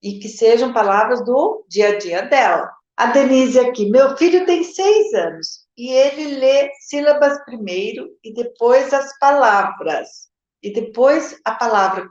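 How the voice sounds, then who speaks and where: A woman's voice: fairly high pitch, lively intonation, unhurried, echoey room, lo-fi sound. A woman with a Brazilian Portuguese accent, a literacy teacher answering viewer questions in a live session, explaining step by step and checking in with her viewers. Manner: explanatory, addresses viewers directly with "gente" and "tá?".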